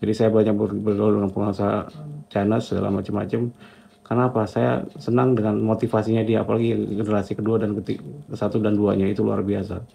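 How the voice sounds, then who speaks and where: A man's voice: lowish voice, completely flat delivery, fast talker, gravelly, mellow. A middle-aged man telling his own story as a motivational testimony, reflective and repetitive, ending phrases with a casual filler. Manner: reflective, talks in short repeated phrases with a filler at each line end.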